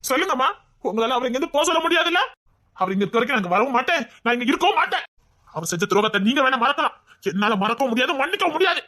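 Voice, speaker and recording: A woman's voice: high voice, very animated, very fast, sharp tone, heavily acted. A woman voicing a hurt, angry grown son who pleads with his mother in a dubbed serial drama. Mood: bitter. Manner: pleading, accusing.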